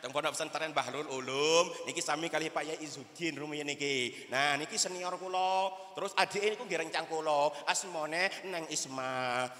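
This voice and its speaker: A man's voice: on the high side, pushed and bright. Joking man preaching in an echoey hall. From Sumatra (Bangko, Jambi). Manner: joking, storytelling, mixing in Javanese. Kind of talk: humorous sermon.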